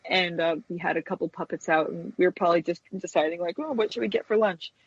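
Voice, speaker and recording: Fast-talking and slightly rough, with a lowish voice, this American stop-motion puppet animator rambles hesitantly through anecdotes as an interview guest, saying "you know" a lot. The highs in the recording are cut off.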